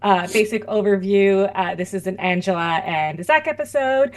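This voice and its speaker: A woman co-hosting a casual fan podcast, her pitch sitting in a middle register. She talks in an animated, chatty way that bubbles with amusement. It is relaxed conversation among friends. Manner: animated, chatty, quick to laugh. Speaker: podcast co-host.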